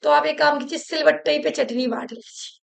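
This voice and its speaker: A woman voicing a quick-witted, newly married young daughter-in-law who answers back with pert comebacks. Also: sits high, fairly even intonation, vocal fry, voice pushed up. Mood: cheeky.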